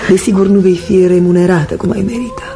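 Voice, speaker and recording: An actress playing a vain, theatrical aging society widow in a studio radio play, grand and affected. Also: female voice, medium pitch, dark tone, faint music behind, natural voice. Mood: consoling, scheming. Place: recording studio.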